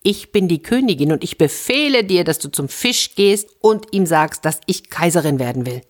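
A woman's voice: deep voice, animated, brisk. A woman voicing a fisherman's greedy, bossy wife in a fairy tale, demanding and commanding.

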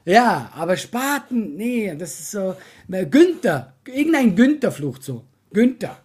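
Brief: husky man, stand-up comedian on a podcast, lively swings in pitch, insistent and chatty. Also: unhurried. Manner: chatty, insistent, explains things. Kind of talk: casual podcast chat.

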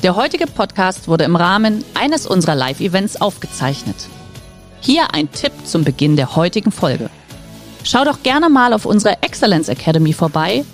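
A woman's voice: fairly low pitch, big pitch swings, moderate pace, faint music behind. A woman hosting a podcast, reading a friendly scripted introduction. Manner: friendly read-out announcement. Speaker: podcast host.

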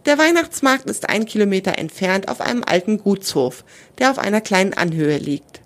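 Calm woman reading a children's story. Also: medium pitch, moderate pace. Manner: calm, explaining asides to children.

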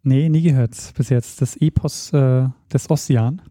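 Dark-voiced man hosting a podcast. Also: mid-range voice, unhurried, no room sound, clean studio sound. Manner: friendly, curious questioner. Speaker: podcast co-host. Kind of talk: casual podcast chat.

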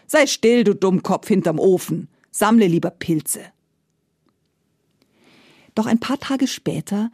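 A woman narrating a fairy tale, lively, acting out the characters' lines. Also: lowish voice, no echo, clean studio sound. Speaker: storyteller.

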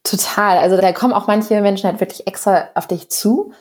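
A woman in her thirties, a founder being interviewed, talking in a relaxed, chatty way and sometimes searching for words. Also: mid-range voice, fairly quick. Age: 30s. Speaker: startup founder guest. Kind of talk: casual interview.

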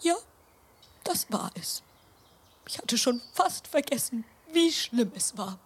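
A woman voicing a strict, prim old grandmother mouse who speaks in a breathy, stammering half-whisper. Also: a little high, animated, takes it slowly, full character voice. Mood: sad.

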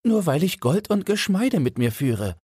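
A man's voice: a little high, very animated, normal speed, warm tone, breathy edge, dry recording, clean studio sound, voice pushed up. A man voicing Felix, a young goldsmith apprentice, fearful and pleading in a fairy-tale audiobook. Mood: anxious, pleading.

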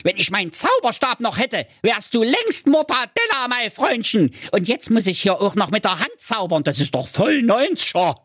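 Guy putting on a super shrill cackling old witch, crude and raging, storybook voice, a bit husky. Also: very animated, moderate pace, few pauses, a bit bright, no room sound, clean studio sound, heavily acted. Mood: cursing. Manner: screeching, wildly angry.

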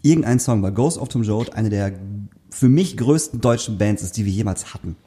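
A man co-hosts a casual podcast chat in a warm, mellow voice. He is enthusiastic and insistent when he talks. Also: on the low side, expressive, fairly quick. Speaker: podcast co-host.

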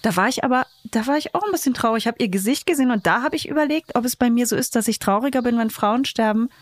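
A woman's voice: fairly high pitch, expressive, fast talker, no room sound, clean studio sound. A woman co-hosting a podcast in casual chat, blunt and reflective with a teasing edge. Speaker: podcast co-host.

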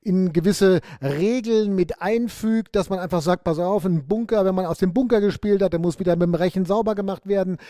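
A man hosts a casual talk, his voice high-pitched yet mellow. He talks quickly in lively bursts, close to a dry mic. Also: no echo. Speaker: podcast host. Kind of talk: casual chat.

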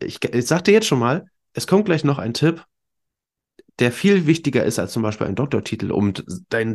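Male podcast host, mid-pitched, stuffed up with a cold; informal, emphatic coaching delivery straight to the listener. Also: breathy edge. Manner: emphatic, conversational coaching with rhetorical questions. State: congested with a cold. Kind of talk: informal solo podcast talk, addressing listeners directly.

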